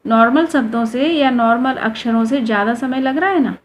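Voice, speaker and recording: High-voiced woman teaching a lesson. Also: a little fast, slight background noise. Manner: patient, asks questions and answers them herself; draws out vowels to demonstrate them. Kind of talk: explaining a lesson to students.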